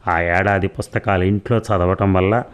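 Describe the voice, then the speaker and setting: Low-voiced man narrating an audiobook. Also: steady tone, moderate pace.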